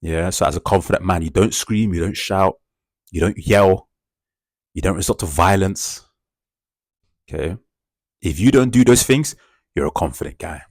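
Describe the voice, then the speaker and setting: A man's voice: sits low, normal speed, long pauses, dry recording, clean studio sound. A man giving an emphatic, repetitive motivational talk, filling gaps with "yeah" and "bro". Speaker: self-improvement speaker.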